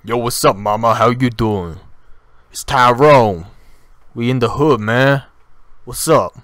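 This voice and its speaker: A man putting on a loud, swaggering tough-guy voice with shouted bravado. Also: mid-range voice, slow pace, no room sound, studio quality. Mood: brash.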